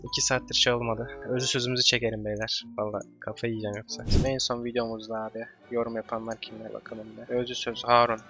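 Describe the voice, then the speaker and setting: A man hosting a let's play, coaching himself in repeated murmured words, then bursting into yells and curses. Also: mid-range voice, little pitch movement, fast talker, few pauses, dull audio, over music. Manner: sudden yelling and cursing outbursts. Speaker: gaming channel host.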